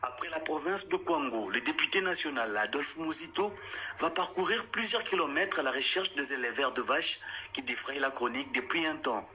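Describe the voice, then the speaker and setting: A man reading a scripted news report in a measured, formal delivery. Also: on the high side, bright, forceful tone.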